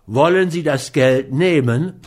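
Man voicing a commanding hot-tempered man, loud, forceful, measured, audiobook read. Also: on the high side. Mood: stern. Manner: forceful, threatening. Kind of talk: audiobook character voice.

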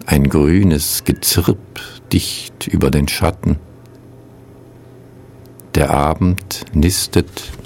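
A man with a very low voice and a gravelly edge reads poetry on the radio. He recites slowly and calmly, with measured pauses, then introduces the next pieces in the same unhurried manner. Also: a little hiss or hum. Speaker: radio presenter. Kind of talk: radio poetry reading and presenting.

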